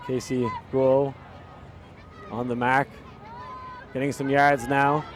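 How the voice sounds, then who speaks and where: An Irish man calling a live ultimate-style game from the sideline, with an average pitch and an easy, chatty flow. His voice climbs in excitement on big plays. A faint hum of outdoor noise sits behind him. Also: takes it slowly, some chatter behind. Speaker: commentator. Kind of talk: live sports commentary.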